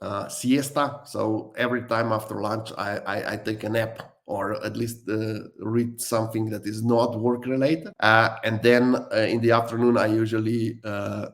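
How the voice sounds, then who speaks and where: Hesitant middle-aged man from Slovenia, lowish voice. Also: flat delivery, moderate pace, few pauses. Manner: hesitant, many fillers and restarts. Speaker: interview guest. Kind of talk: casual interview answers.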